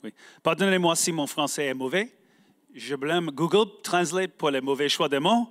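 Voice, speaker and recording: A man from the United States, a native English speaker, giving a prepared talk in halting French with an American accent. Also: fairly high pitch, fairly bright tone. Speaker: guest speaker. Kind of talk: prepared speech read aloud.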